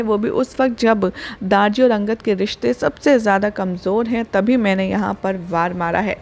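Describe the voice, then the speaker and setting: Woman doing a quick tv serial recap, slightly high voice, tells it like a story. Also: darkish tone. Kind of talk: scripted TV serial recap narration.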